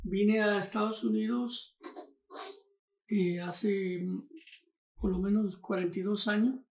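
Slow-talking older man, echoey room. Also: high-pitched, fairly even intonation. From Honduras. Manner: halting, with many fillers and restarts. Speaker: podcast guest. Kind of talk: casual interview conversation.

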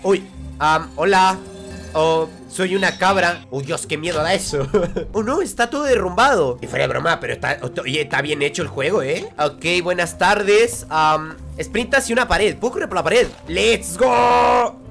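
Excitable gamer, yelling and joking. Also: male voice, high-pitched, normal speed, vocal fry, faint music behind. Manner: loud, excitable, jokey, shouts and laughs a lot. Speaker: gaming streamer. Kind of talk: let's-play commentary.

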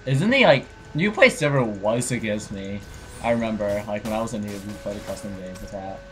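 A man's voice: fairly low pitch, lively intonation, a little fast, faint music behind. A young man chatting casually while playing a game, laughing often and swearing now and then. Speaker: gamer playing and commentating. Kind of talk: casual gaming chat.

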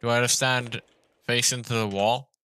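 A man's voice: mid-range voice, steady tone, moderate pace, bright, forceful tone, clear, resonant tone. A young man commenting on his gameplay live from a small room, rambling and confused, stumbling over repeated words. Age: young adult. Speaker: streamer. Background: game music.

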